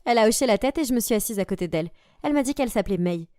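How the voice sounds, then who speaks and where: A young woman narrating a story aloud in an animated, expressive way. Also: fairly high pitch, racing, dry recording, clean studio sound.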